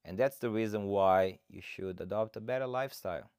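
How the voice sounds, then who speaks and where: Here the podcast host, a fat loss coach from Brazil, delivers a motivational monologue in an earnest, supportive way. His voice is on the low side and darkish yet clear and resonant, moving fairly quickly, in a clean studio recording without echo.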